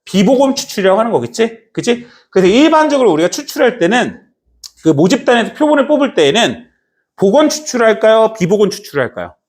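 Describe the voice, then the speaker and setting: A man teaching a math class, lively and chatty, acting out little scenes and often asking if students follow. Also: high-pitched, brisk. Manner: lively, acts out little scenes and keeps checking understanding. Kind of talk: classroom lecture.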